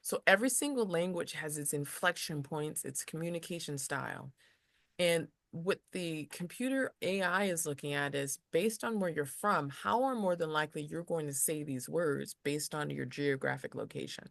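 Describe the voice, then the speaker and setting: A woman tutors in a relaxed, explanatory way, circling back and restarting as she works through ideas. Now and then she slips into little example voices. Her voice sits on the low side and is recorded close and dry, with no room sound. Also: moderate pace, gravelly, no echo. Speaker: tutor explaining lesson material. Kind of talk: casual explanatory lesson.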